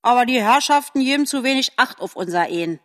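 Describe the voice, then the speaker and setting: A woman's voice: on the high side, expressive, fast, a bit bright, in a large hall, pitched above the performer's own voice. A woman voicing a bitter, gloomy crow in a storybook, speaking scornfully.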